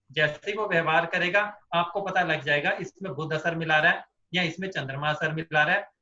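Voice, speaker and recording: A man's voice: on the high side, sharp tone. Guy lecturing an astrology class, explains w everyday examples, roomy lo-fi sound. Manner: explains with everyday examples, acts out quoted people. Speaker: astrology teacher.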